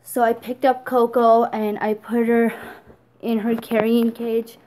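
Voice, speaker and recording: A woman's voice: a little high, little pitch movement, a little slow, dark tone, slight background noise, rough recording. Tearful rambling young woman vlogger. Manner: tearful, rambling, many fillers. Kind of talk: casual vlog storytelling.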